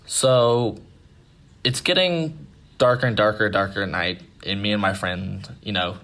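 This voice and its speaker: A man's voice: fairly low pitch, a little slow, fairly bright tone. A man telling a ghost story in a laid-back, casual way, swearing freely and poking fun at himself.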